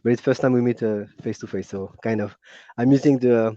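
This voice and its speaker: This French caller has a dark, mid-range voice with fairly even intonation, speaking briskly in a casual call-in conversation marked by fillers and restarts. The video-call recording is muffled lo-fi audio with no room sound.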